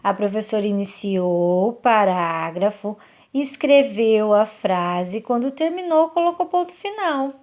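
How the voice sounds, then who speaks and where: A woman's voice: mid-range voice, lively intonation, measured pace, darkish tone. A woman teacher, explaining a lesson to young children step by step, patient and checking in with questions. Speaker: primary school teacher.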